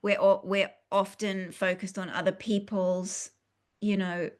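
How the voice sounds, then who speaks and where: A woman's voice: mid-range voice, flat delivery, measured pace. Woman hosting a chatty interview, supportive, lots of little yeahs and mm-hmms. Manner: supportive, gives short affirmations. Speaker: interview host. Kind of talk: casual interview chat.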